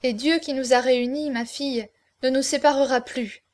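A woman's voice: sits high, steady tone, moderate pace, natural voice. A woman reading aloud, voicing a grieving noble mother who pleads in an imploring, emotional way in an audiobook. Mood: pleading.

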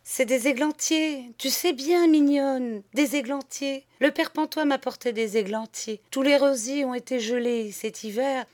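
A woman voicing a boastful, blustering middle-aged man, the master of the house, who talks loudly and swears freely. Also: very high voice, a little slow, hardly any pauses, pitched above the performer's own voice. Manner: loud, swaggering, swears freely.

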